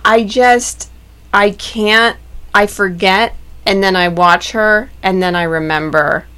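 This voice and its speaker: A woman's voice: medium pitch, fairly even intonation, slow, sharp tone, clean tone. A woman co-hosting a casual reality TV recap, opinionated and chatty, often restarting her sentences. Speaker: podcast co-host.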